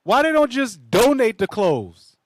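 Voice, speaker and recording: High-pitched, slangy man. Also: very animated, a little slow, slight background noise. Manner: slangy, emphatic, repeats himself. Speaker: panelist on a religious group's news discussion show. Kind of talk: casual group discussion of news.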